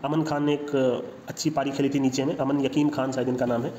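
Heard only as a voice-over on slides, a cricket analyst offers brisk, flat commentary in a mid-range, dark-toned voice, confidently predicting outcomes and mixing in English phrases. The lo-fi recording is echoey and dull, with a little hiss or hum.

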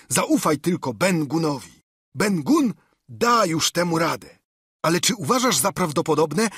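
Guy putting on a crazed marooned castaway, high and loud, pleading and jumpy, voice leaping all over the place. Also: breathy edge, no room sound, studio quality, exaggerated voice. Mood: eager. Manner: excitable, pleading, repeats himself. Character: half-mad marooned male castaway, eager and wheedling.

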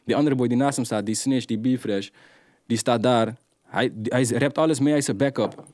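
A young adult man, a rapper guest telling street stories in animated, slang-heavy casual talk. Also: medium pitch, normal speed, no echo, clean studio sound. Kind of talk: casual interview storytelling.

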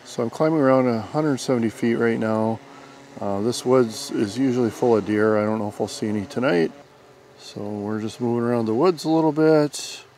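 Out on an open lawn, an American drone pilot in his fifties talks through a product review and demonstration in a plain, explanatory, conversational way. He has a medium-pitched, darkish voice at normal speed, and the outdoor recording picks up background noise.

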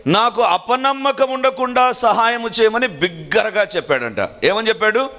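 A man's voice: high voice, expressive, normal speed, pushed and bright. A man preaching a sermon earnestly, repeating phrases for emphasis and slipping in English lines.

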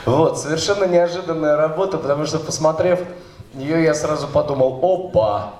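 On stage in a large hall, a middle-aged man who directs dubbing speaks into a handheld mic in an informal, rambling seminar, stumbling over fillers and starting sentences again. His voice runs on the high side with a darkish tone, at normal speed. The clip was shot from the audience, so it sounds far away and reverberant.

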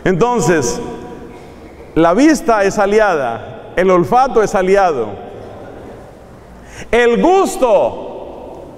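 A man's voice: high voice, sing-song, takes it slowly, pauses often. A man preaching a sermon in a playful, teasing manner, drawing out emphatic phrases. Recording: echoey hall with long reverb.

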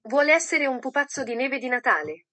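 A woman voicing a lively, cheerful squirrel in a storybook, bouncy and excited. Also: high-pitched, fairly quick, exaggerated voice.

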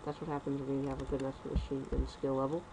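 A young man rambling through casual gameplay commentary at home on a computer mic, talking fast and correcting himself. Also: mid-range voice, completely flat delivery, background noise. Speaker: gaming commentator.

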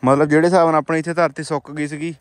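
Fast-talking Punjabi farmer in the fields. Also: male voice, fairly high pitch, little pitch movement. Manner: matter-of-fact, explains crop damage to viewers. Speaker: farmer vlogger. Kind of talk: casual vlog walking through fields. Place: outdoors in wheat fields.

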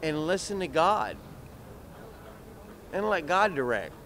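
A middle-aged man talks slowly into a reporter's handheld mic on a city plaza. His voice is earnest and lively in pitch. Street noise is clearly heard behind. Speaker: passerby interviewed on the street. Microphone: handheld mic held by interviewer.

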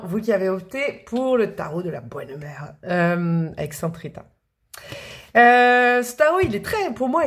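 A woman's voice: mid-range voice, a little hiss or hum. A woman doing a chatty, rambling tarot reading for her viewers, full of fillers and asides. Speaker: tarot reader.

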